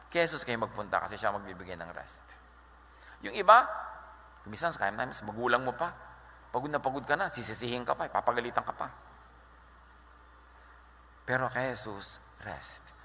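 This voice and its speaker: Bright-voiced pastor preaching in a hall. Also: male voice, mid-range voice, normal speed, long pauses, slight background noise. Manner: animated, mixing Tagalog and English, quoting scripture. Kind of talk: sermon. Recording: echoey hall with long reverb.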